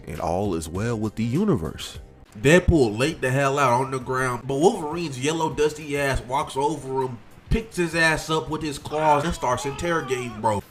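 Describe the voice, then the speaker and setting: A man's voice: on the high side, a bit bright. A man in his twenties giving a joking, slang-heavy recap of fight scenes, full of hype and asides. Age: 20s. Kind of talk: comedic recap narration. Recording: music bed under voice.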